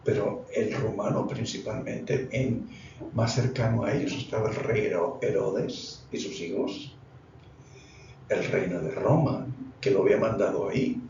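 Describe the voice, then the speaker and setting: A male pastor giving a slow, unscripted Bible lesson, deliberate and often correcting himself mid-phrase. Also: fairly low pitch, vocal fry, a little mellow. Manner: deliberate, with frequent restarts and self-corrections. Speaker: pastor teaching Bible study. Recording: distant, roomy, dull lo-fi sound with faint noise.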